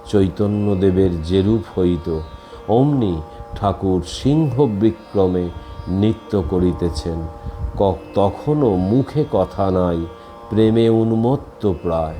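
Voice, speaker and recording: A man with a very low, mellow voice reads a devotional text at an unhurried pace. His diction is formal and old-fashioned, and he breaks into sung hymns now and then. Faint music plays in the background. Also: expressive. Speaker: devotional reader. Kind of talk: reading a devotional text aloud, singing the hymns within it.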